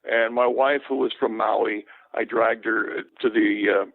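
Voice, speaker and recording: An older man, a sportscaster, telling relaxed anecdotes in an interview. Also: on the low side, unhurried, gravelly, dry recording. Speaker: sportscaster guest. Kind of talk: storytelling interview. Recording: tinny phone-line sound.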